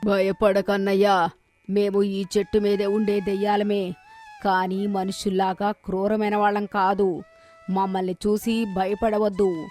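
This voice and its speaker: A woman voicing a kindly female ghost who lives in a tree, speaking softly and reassuringly in a cartoon. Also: mid-range voice, natural voice. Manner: soft, slow, reassuring.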